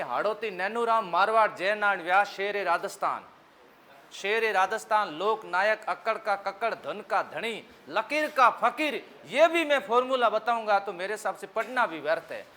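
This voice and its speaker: A man's voice: high voice, sharp tone. A man with a Rajasthani accent teaching an exam-prep lesson with memory tricks, jokey, asking the class questions and answering them himself. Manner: mimics regional speech for laughs.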